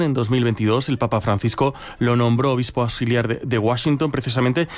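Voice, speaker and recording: A man co-hosting a radio news interview, presenting in a clear, scripted way. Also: mid-range voice. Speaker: radio co-host.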